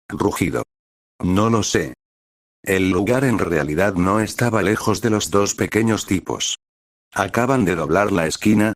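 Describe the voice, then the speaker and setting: A male narrator reads a serialized novel in a steady, even manner. His voice is very low. The recording is dry and close, with no room sound. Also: no echo. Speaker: audiobook narrator.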